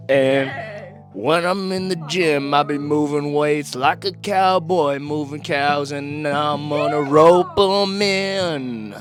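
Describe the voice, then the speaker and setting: A man's voice: a little high, takes it slowly. Joking man freestyle rapping over a beat. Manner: joking, boastful rhymes, laughs at himself. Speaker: podcast host. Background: music beat.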